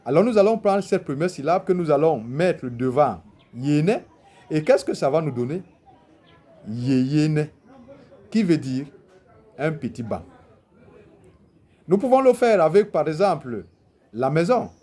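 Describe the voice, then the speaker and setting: A man's voice: a little high, sing-song, warm tone. A man explaining a traditional concept, asking himself questions and answering them as he teaches. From Cameroon. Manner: deliberate, poses rhetorical questions and answers them.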